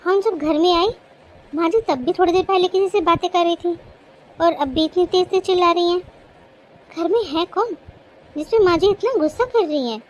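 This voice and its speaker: Curious young bride in a cartoon, very high voice, polite and sweet; voice actor. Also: normal speed, rough recording.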